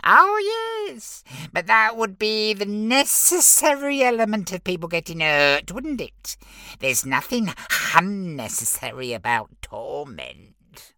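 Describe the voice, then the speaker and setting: A man's voice: sits high, big pitch swings, slow pace, sharp tone, dry recording, studio quality, pitched above the performer's own voice, exaggerated voice. A man voicing a fussy, officious little male imp with a prim, wheedling drawl.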